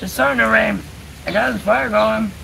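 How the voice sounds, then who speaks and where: A woman's voice: fairly high pitch, moderate pace, gravelly, a bit bright, a little hiss or hum. A middle-aged woman chatting casually in a camping vlog, laughing between remarks, filmed outdoors in a backyard by a tent. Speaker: camping vlogger. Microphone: camera on a stand at a distance, later phone at arm's length.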